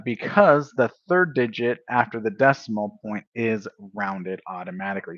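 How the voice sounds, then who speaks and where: A man livestreaming a casual coding study session, thinking aloud, correcting himself and filling pauses as he works through examples. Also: mid-range voice, dry recording, lo-fi sound. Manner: unhurried, thinks aloud, self-correcting with fillers.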